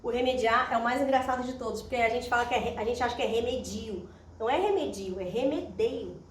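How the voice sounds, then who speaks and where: A woman's voice: on the high side, fairly even intonation, quick pace. A Brazilian woman teacher giving a grammar lesson at a whiteboard, explaining step by step and checking in with her students. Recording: roomy echo, distant mic, faint hiss.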